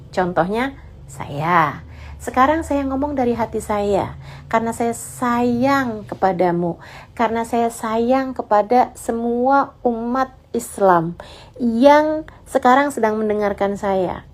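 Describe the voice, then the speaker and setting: High-voiced woman preacher, chatty advice. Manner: gentle, conversational, often adds filler tags. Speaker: Islamic preacher answering a listener. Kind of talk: casual religious advice talk.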